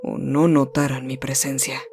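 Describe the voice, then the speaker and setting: A narrator reading a first-person horror story in a measured, suspenseful way, slowing down and dropping low at the tense moments. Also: flat delivery, noisy background.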